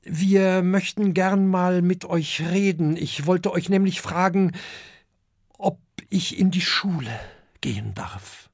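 A man voicing a gentle young male dragon who speaks politely and a little hesitantly, in a children's audiobook. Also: high-pitched, slow pace, no room sound, studio quality, voice pushed up, exaggerated voice. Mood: polite earnest.

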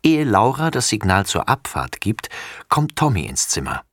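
A man reads a children's storybook aloud with a deep, low voice that swings up and down with plenty of life. The sound is close and dry, with no room around it. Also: normal speed, no room sound. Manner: expressive, lively. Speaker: narrator.

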